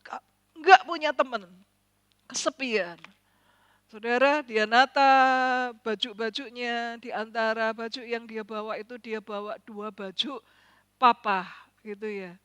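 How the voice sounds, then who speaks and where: Lady preacher telling a sermon story, high bright voice, goes quiet then loud. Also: slow, long pauses, clean tone, no echo. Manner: animated storyteller, voice swings from hushed to loud. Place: church.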